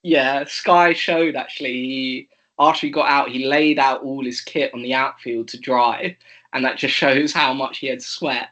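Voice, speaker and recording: A young man co-hosting a casual sports chat, chatty and quick to laugh, with fillers and restarts. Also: mid-range voice, steady tone, bright, forceful tone. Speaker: co-host.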